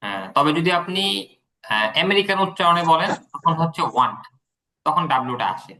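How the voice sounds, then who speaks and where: A man's voice: a little high, sing-song, brisk, sharp tone, a little hiss or hum. A man from Bangladesh tutoring English pronunciation, explaining patiently with many fillers.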